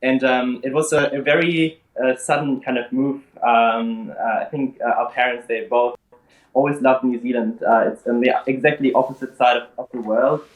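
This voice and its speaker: A man's voice: mid-range voice, steady tone, normal speed. A man in his twenties from Germany, a podcast guest chatting casually with many fillers and restarts. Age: 20s. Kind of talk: casual interview chat. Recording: roomy echo.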